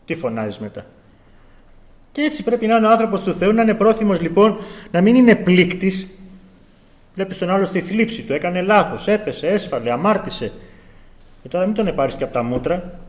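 A man in his thirties preaching a sermon, acting out quoted speech with a raised voice. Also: a little high.

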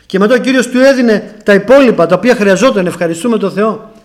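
High-voiced man preaching a testimony. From Greece. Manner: storytelling, often calling out to the brothers. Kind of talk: sermon testimony.

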